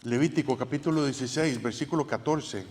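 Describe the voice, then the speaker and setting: A man's voice: medium pitch, brisk, a little mellow, a little hiss or hum. A man preaching a sermon as pastor, in a conversational way with frequent restarts and tag questions. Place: church sanctuary. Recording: church hall with long reverb.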